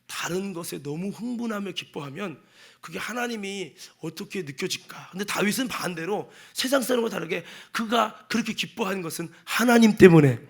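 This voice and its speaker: A male pastor giving a Sunday sermon in a church, emphatic and dramatic, acting out quotes and sometimes shouting. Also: high-pitched, vocal fry. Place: church sanctuary.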